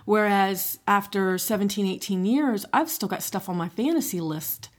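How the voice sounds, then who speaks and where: A woman's voice: medium pitch, normal speed. Chatty woman podcast co-host. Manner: chatty, frequent "right?" and "you know". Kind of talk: casual chat.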